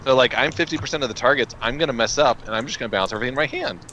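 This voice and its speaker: A man's voice: mid-range voice, very fast, sharp tone, lo-fi sound, slight background noise. A man co-hosting a casual card review over a video call, playful and full of jokes. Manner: playful, jokey. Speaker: co-host reviewing cards. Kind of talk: casual joking chat.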